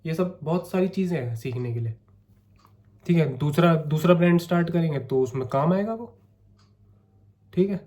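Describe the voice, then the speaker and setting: Brief: young man, hoarse throat, slightly high but mellow voice, casual coaxing vlog talk. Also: normal speed, pauses often. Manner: chatty, coaxing, keeps saying "theek hai". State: sore throat, coughing. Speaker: vlogger. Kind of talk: casual talking-to-camera vlog.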